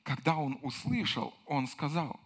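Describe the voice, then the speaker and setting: A male pastor preaching a sermon with fervor. He repeats phrases for emphasis and swings from hushed tones to loud cries. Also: on the high side, expressive, a little slow.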